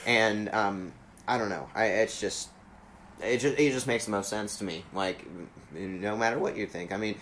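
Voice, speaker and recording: A man's voice: lowish voice, normal speed, fairly bright tone, slight background noise. A man in casual political chat, rambling with many fillers and swearing bluntly. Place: cold unheated studio.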